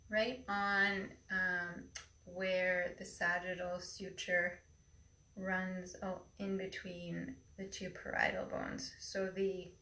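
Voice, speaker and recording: A woman leads a healing meditation as an airy, breathy mystic, very slowly and in an even tone. She leaves soft pauses between phrases. The recording is echoey and sounds set back from the microphone. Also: mid-range voice. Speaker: meditation guide and energy healer. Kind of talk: guided chakra healing meditation. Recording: roomy echo, distant mic, background noise.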